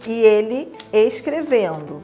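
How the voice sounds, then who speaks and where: A woman's voice: a little high, very animated, slow pace, mellow, soft background music. A young adult woman with a Brazilian Portuguese accent explains teaching materials in a casual, chatty way, often checking in with tag questions.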